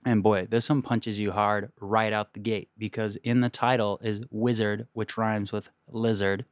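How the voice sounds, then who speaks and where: A man's voice: fairly low pitch, level tone, measured pace, no echo, clean studio sound. A young man hosting a comedic movie review show, talking earnestly and enthusiastically, rambling and restarting his thoughts. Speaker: host.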